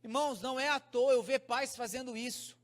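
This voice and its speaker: Brazilian pastor guy, high voice, preaching to teens, big echoey church hall. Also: steady tone, brisk. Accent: Brazilian Portuguese. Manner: preaching to a crowd, addressing them directly, storytelling. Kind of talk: sermon to a youth congress. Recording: hall reverb.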